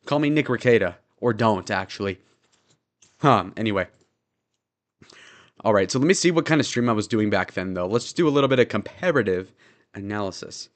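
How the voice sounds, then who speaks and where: A young man streaming, talking fast in a casual, rambling, sarcastic way as he reads chat comments. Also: lowish voice, lively intonation. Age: young adult.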